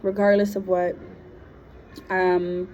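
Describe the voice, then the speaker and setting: A Liberian woman vlogs a personal story in a frank, slangy, casual way, using lots of fillers. Her low-leaning, slightly mellow voice stays level and unhurried, and the lo-fi recording sounds dull with faint noise.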